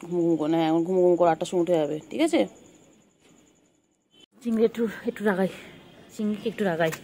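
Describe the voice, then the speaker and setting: A woman's voice: on the low side, fast, warm tone. A woman talking baby talk to her pet cat at home, cooing and repeating pet names.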